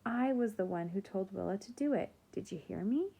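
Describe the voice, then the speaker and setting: A woman's voice: mid-range voice, expressive, moderate pace, vocal fry, mellow, husky. A woman reading aloud, voicing an eager, boastful young schoolgirl.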